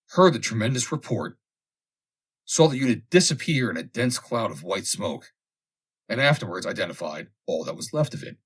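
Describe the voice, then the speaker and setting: An audiobook reader narrates a vintage comic tale in a fairly low, husky male voice. He reads the scripted prose dramatically and expressively, his pitch swinging in lively ways.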